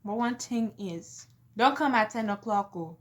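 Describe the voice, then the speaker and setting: Slow-talking young woman vlogger. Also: on the high side. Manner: emphatic, addresses viewers directly. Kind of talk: casual comedic vlog.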